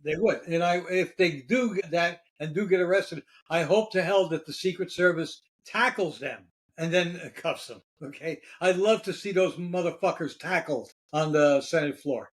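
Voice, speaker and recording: A man with a noticeably high-pitched voice talks politics casually with a co-host. He is blunt and foul-mouthed, and he gets heated easily. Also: normal speed, few pauses, poor audio. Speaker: podcast host.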